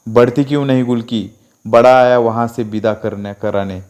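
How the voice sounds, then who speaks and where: A man's voice: mid-range voice, level tone, moderate pace, a little mellow, close to an everyday voice. A man reading the part of a fierce village woman who gives harsh commands. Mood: angry.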